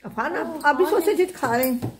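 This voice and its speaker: An older Pakistani grandmother, a home cooking vlogger, chats casually at a moderate pace in a high voice while cooking and tidying her kitchen, calling out to the children. A crowd can be heard behind her, along with the clatter of dishes and cutlery.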